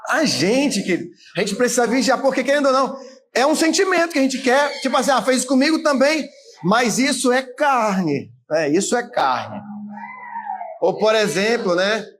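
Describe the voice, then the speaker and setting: A man in his late thirties, a pastor, preaching a sermon in a conversational way, with frequent tag questions and occasional shouted emphasis. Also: high-pitched. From Brazil. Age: 30s.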